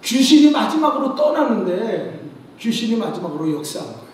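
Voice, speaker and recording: A man's voice: high voice, sing-song, a little fast, a little hiss or hum. A male pastor preaching a sermon, telling stories emphatically and often prompting the congregation for a response. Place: church sanctuary. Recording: very echoey church hall, distant mic.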